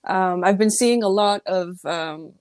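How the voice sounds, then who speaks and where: A young woman from the Middle East or North Africa talks through her days in a loose, reflective way, full of ums and likes. Her voice sits at an ordinary pitch and sounds close and dry, with no room around it. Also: measured pace, a little mellow, smooth, dry recording. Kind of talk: casual chat.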